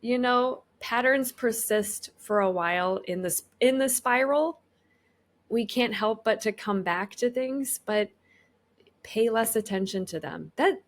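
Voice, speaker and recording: Woman in the middle pitch range, rambly podcast chat, says like and you know a lot.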